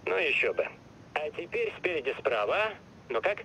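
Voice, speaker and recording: An actor playing a chatty, joking young tech support teammate in a game, talking casually in slang. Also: male voice, on the high side, sing-song, normal speed, bright, forceful tone, a little hiss or hum, heavily acted, low-quality recording. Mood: casual, playful. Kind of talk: dubbed game dialogue.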